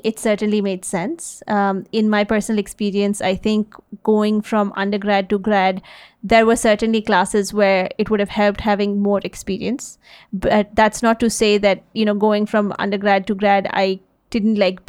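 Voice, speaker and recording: A woman in her thirties, raised in India and the US, answering interview questions in a relaxed, thoughtful way with many fillers and restarts. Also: mid-range voice. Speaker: interview guest, social enterprise CEO. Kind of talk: casual interview conversation.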